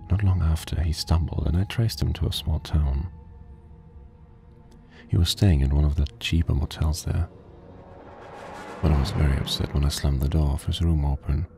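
A weary, grim private detective who narrates a horror game, his voice extremely deep and gravelly. The delivery is slow and flat, like noir storytelling. Loud game music plays behind him.

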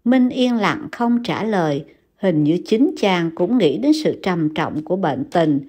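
A woman narrator reading a classic novel aloud in a calm, measured storytelling voice. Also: lowish voice, slightly rough. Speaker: audiobook narrator.

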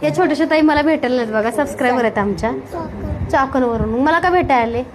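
A woman's voice: sits high, fast, noisy background. A woman, a video creator, chatting with visitors who came to meet her, teasing and reassuring them and repeating her questions. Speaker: video creator meeting viewers. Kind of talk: casual chat with visitors. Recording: crowd chatter behind the voice.

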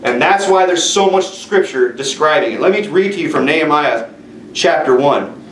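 Forceful middle-aged preacher in echoey room. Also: male voice, a little high, animated, distant mic, a little hiss or hum. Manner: forceful preaching with slow emphatic scripture reading. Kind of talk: sermon. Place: small church room with piano.

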